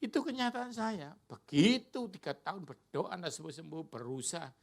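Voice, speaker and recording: A male pastor with a voice, pitched a little above the usual for a man, preaching at a church worship service. His delivery is colloquial and chatty, and he slips into acted voices for the people he quotes. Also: animated, normal speed, creaky. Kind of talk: sermon.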